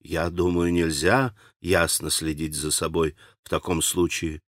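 A man reading an audiobook, voicing a gentle young man who speaks earnestly and pleadingly. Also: sits low, little pitch movement, measured pace, no echo, studio quality, pitched below the performer's own voice. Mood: timid.

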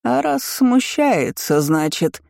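A reader voicing a meddling old woman ghost in an audiobook, scolding in slow, drawn-out, shrill words. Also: lively intonation, darkish tone, no echo, studio quality. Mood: mocking. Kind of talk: audiobook role reading.

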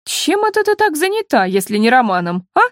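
A woman's voice: a little high, sing-song, normal speed, no echo, studio quality. A woman reading an audiobook, voicing an exasperated older sister who scolds on the phone in a raised, reproachful tone. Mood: teasing.

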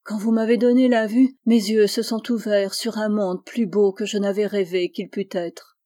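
A woman's voice: medium pitch, flat delivery, normal speed, dark tone, natural voice. A woman voicing an anguished, fervent young woman who was once blind, speaking with pleading intensity that rises to vehemence, in an audiobook. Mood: vehement.

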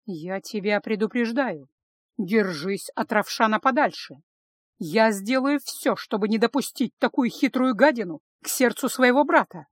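A woman's voice: a little high, measured pace, no echo, clean studio sound. A woman reading an audiobook, voicing a jealous, haughty female snake-woman who speaks with scorn and threats. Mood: hissing threat. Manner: scornful and threatening, hissing warnings. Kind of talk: audiobook character voice.

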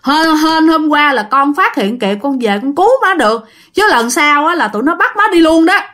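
A grown son's ghost speaks through his mother, urgent and pleading, repeating himself, as a woman storyteller puts him on. The voice sits high above her usual pitch and comes out loud. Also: expressive, normal speed. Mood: earnest.

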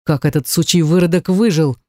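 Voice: medium pitch, a little fast, dark tone, no echo, studio quality, natural voice. A reader voicing a curt, swearing tough guy. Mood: cursing. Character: coarse cynical adult man, a fighter. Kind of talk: audiobook character reading.

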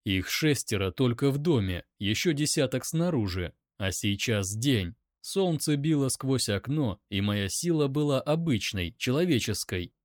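Male audiobook narrator, mid-pitched, dry and close, reading tense first-person narration. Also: expressive, a little slow, hardly any pauses, no echo.

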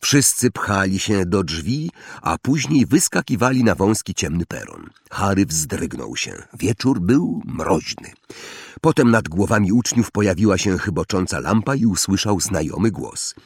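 A man reading an audiobook aloud in a measured, expressive way. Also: low-pitched, husky, no room sound, clean studio sound. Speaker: audiobook narrator. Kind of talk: audiobook narration.

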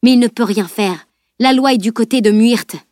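A woman voicing a seasoned male weapons master who explains things calmly and firmly, in an audiobook. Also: on the high side, normal speed, dry recording, studio quality, lightly acted. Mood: grave. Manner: calm, explanatory, firm. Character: grave grown man, seasoned weapons master.

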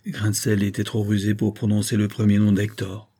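A man reading a novel aloud as audiobook narration in a steady, measured way. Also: lowish voice, slightly rough. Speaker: audiobook reader.

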